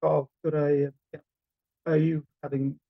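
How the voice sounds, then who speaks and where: A man's voice: a little high, level tone, unhurried, creaky, dry recording. Man, voice cutting in and out, bad connection, straining to speak up, thin phone-like line, no room sound. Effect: voice cutting in and out over a bad connection. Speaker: agent for an applicant. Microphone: joining remotely over a video call. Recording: tinny dry call line breaking up.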